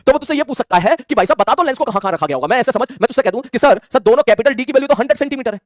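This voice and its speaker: A male physics teacher speaking fast. His voice swings up and down a lot. It sounds dry and close, no room echo, and he acts out student replies as he explains. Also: extremely high pitch. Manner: animated, plays out imagined student replies. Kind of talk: classroom lecture.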